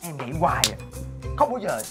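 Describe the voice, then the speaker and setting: Pushy flirty salon customer, wheedling sing-song, swoops up and down a lot. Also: male voice, a little high, very animated, brisk, loud music behind the voice. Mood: flirting. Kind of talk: sitcom acting.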